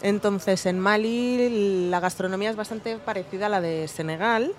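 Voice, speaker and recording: A woman from Barcelona chatting cheerfully on a panel with quick quips. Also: mid-range voice, a little hiss or hum. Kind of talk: casual chat.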